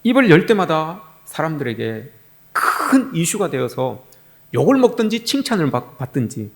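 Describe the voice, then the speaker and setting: A man preaching a sermon as pastor, acting out quoted dialogue with sudden jumps in loudness and pitch. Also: moderate pace, creaky. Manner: animated, acts out quoted dialogue with swings in pitch and volume. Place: church sanctuary.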